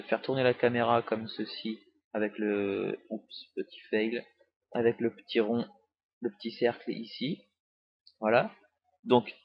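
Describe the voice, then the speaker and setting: A young man giving a casual software tutorial, rambling with many hesitations and small jokes, recorded on a cheap desktop mic. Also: mid-range voice. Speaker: tutorial maker. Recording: dry, dull lo-fi home recording.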